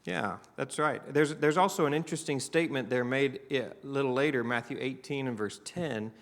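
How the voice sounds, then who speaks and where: A man's voice: mid-range voice, normal speed. Man teaching a church Bible class. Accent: Southern US. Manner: conversational, asks the class questions, many restarts.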